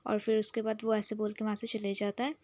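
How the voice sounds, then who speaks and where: A woman's voice: medium pitch, completely flat delivery, a little fast, a little mellow, no echo. A woman narrating a casual, chatty, plot-by-plot recap of a romance series.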